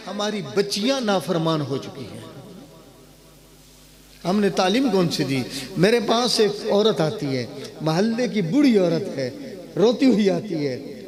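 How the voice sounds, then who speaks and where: A man, a cleric, preaching an emotional sermon and repeating phrases for emphasis. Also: high-pitched. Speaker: Islamic cleric addressed as maulvi. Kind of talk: emotional Islamic sermon to a gathering. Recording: live sermon with crowd noise behind.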